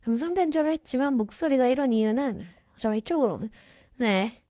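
A woman with a sore throat from a cold, speaking through a voice changer in halting, flustered, casual game commentary. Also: high-pitched, lively intonation, dark tone, no room sound. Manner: halting, easily flustered, apologetic. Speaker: gaming YouTuber. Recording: dull, lo-fi, dry sound.

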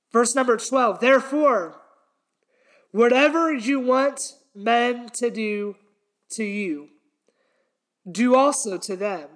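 In a small indoor room against a red wall, a young podcast host and preacher teaches a Bible passage sermon-style. His voice is high-pitched and a bit bright, and he stays earnest and emphatic, returning again and again to his key points, filmed head-and-shoulders by a fixed camera.

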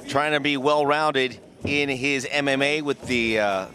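A man's voice: medium pitch, fairly even intonation, a little slow, bright, forceful tone, slight background noise. A man doing live play-by-play commentary on a fight broadcast. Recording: music under broadcast commentary.

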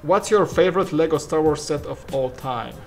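A Polish man in his thirties, with a Polish accent, co-hosts a casual studio Q&A in a large room lined with shelves, joking as he answers viewer questions and trailing off mid-sentence. His voice is a little high at a normal pace, with soft music in the background.

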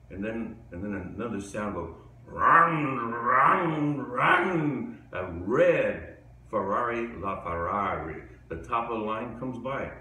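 A man hosting a live comedy show in a rambling, digressive stand-up monologue with sudden high outbursts. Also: fairly bright tone, slight background noise. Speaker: comedian host. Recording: echoey room from far off.

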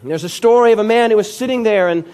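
High-voiced preacher man, emphatic. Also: quick pace, a little mellow. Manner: emphatic storytelling, calls for amen. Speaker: pastor. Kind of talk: sermon.

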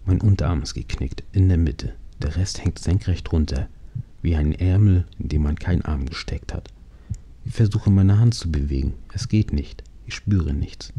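A man with a very low, dark voice tells a first-person story in halting, dramatic phrases. His tone is husky, and at times it sinks to a hushed whisper. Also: dull audio. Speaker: narrator of his own accident.

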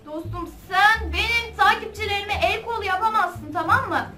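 A young woman chatting excitedly over her gameplay as a channel host, shrieking and giggling as she plays. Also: very high voice, moderate pace, distant mic. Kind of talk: casual gameplay commentary. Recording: echoey room, off-mic, game music behind.

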